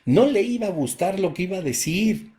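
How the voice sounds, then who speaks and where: A man's voice: high voice, animated, fairly quick, mellow. A man with a Mexican accent teaching a Bible study, reading verses aloud and explaining them with rhetorical questions in a casual way. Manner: casual, repeats himself and restarts phrases.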